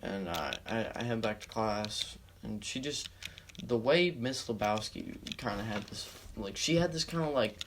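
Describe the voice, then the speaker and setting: A man's voice: lowish voice, lively intonation, measured pace, background noise. A teenage boy telling a story in a casual storytime narration, rambling with heavy swearing and many fillers. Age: teens.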